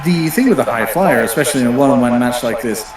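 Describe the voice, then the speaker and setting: A man's voice: mid-range voice, lively intonation, fast talker, crowd noise. A man giving conversational wrestling commentary as the analyst, reacting to moves and explaining tactics. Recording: very echoey room, distant from microphone.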